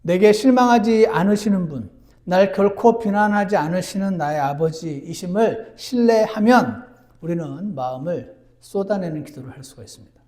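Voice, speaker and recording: A man preaching a sermon as pastor, earnest, moving between emphatic lines and hushed ones. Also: sits high, expressive, normal speed. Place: church.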